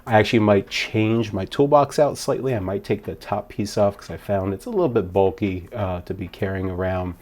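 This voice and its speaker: Low-voiced man rambling in a casual vlog. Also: a little fast, few pauses, a little mellow. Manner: rambling, upbeat, many fillers. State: out of breath. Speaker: wedding DJ vlogging a gig log. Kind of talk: casual vlog talk to camera.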